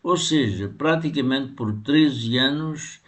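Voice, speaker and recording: Older male poet, very slow, measured interview answers. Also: medium pitch, fairly bright tone. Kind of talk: read-aloud interview answers.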